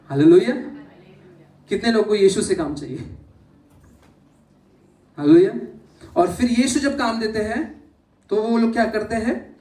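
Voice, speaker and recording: A man preaches in a church hall, firing questions at the congregation and calling out hallelujah, with English words mixed into his talk. His voice sits high for a man. The sound is echoey and picked up from a distance. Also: darkish tone. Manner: asks the congregation many questions, calls out hallelujah. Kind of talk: sermon.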